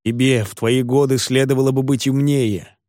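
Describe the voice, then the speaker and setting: A man voicing an elderly gentleman in a rage, blustering and indignant. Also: mid-range voice, fairly even intonation, moderate pace, no room sound, studio quality, lightly acted. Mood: furious. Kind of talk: audiobook character voice.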